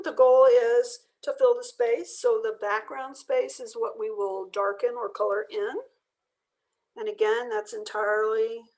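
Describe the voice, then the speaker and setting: A woman leading an online drawing class, explaining each step in a relaxed, chatty way while losing her voice. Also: a little high. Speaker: art workshop instructor. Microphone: video call.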